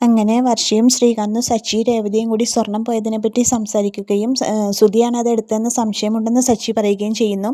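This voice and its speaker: A woman's voice: a little high, little pitch movement, a little fast, dark tone. A woman casually retelling a TV serial episode, voicing each character's lines in her own voice. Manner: informal and colloquial, with sound words and restarts. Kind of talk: casual storytelling recap of a TV serial.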